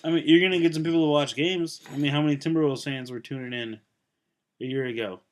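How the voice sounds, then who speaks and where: A man's voice: fairly high pitch, steady tone. A young man chatting about sports with friends on a casual show. He hedges a lot, trails off and restarts, and laughs through his points. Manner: halting, hedging, laughs often. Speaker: sports talk show co-host.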